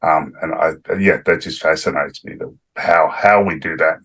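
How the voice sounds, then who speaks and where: Middle-aged male expert guest, very deep voice, relaxed and rambling. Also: moderate pace, slightly rough, rough recording. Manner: relaxed, rambling, many "um" and "yeah". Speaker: guest neuroscientist. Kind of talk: interview explanation.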